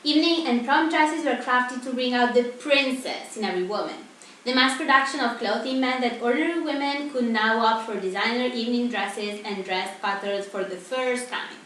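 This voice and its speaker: A young woman, teen or young adult, sounds like a student presenter acting as host of a mock TV broadcast, delivering a scripted presentation. Her voice is fairly high and fairly bright at a moderate pace. The very echoey indoor room, distant mic and faint noise color the recording.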